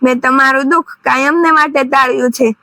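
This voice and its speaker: A woman's voice: high-pitched, fairly even intonation, brisk, sharp tone, no echo. Woman voicing a kindly noble king.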